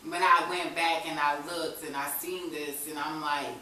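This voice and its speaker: With a low pitch and fairly even intonation, this woman in her thirties speaks at a moderate pace in a pushed, bright voice. She's an interview guest sharing a frank personal story casually, peppering her vernacular speech with "you know." The audio sounds echoey, with a distant mic and faint hiss.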